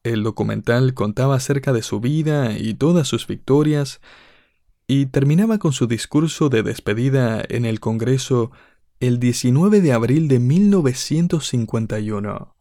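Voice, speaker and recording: A man preaching a sermon in a measured way, reading scripture aloud and building emphasis with rhetorical questions. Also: mid-range voice, dark tone, no room sound, studio quality.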